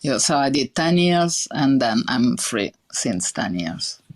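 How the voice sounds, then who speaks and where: A woman in her thirties from Italy, a chef appearing as a podcast interview guest, speaks earnestly with a strong Italian accent. Her very deep voice is sing-song and slow, full of fillers and restarts.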